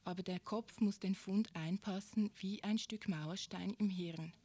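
Mellow-voiced woman reading literary prose. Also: mid-range voice, steady tone, a little slow. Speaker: reader.

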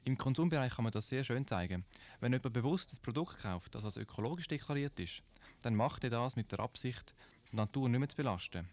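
Speaking with a Swiss German accent, a man delivers a scripted radio commentary in a measured, explanatory way, raising rhetorical questions. His voice sits at medium pitch and is slightly mellow.

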